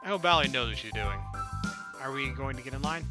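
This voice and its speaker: A man hosting a gaming video reads a visual novel aloud, informally acting out the dialogue as he goes. His medium-pitched voice is expressive and quick, with game music playing underneath.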